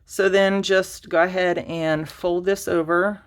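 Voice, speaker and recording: A woman's voice: on the low side, little pitch movement, a little slow, clean tone. A woman hosting a casual craft tutorial, rambling and self-deprecating with lots of fillers and restarts, a little out of breath. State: slightly out of breath. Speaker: crafting channel host.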